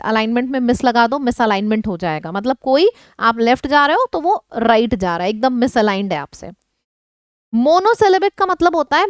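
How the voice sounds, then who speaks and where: Female tutor, Hindi native, bright high smooth voice, patient vocabulary drill with frequent check-ins. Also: no echo. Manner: explains words in mixed Hindi and English, checks in often. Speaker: teacher. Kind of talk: online vocabulary lesson.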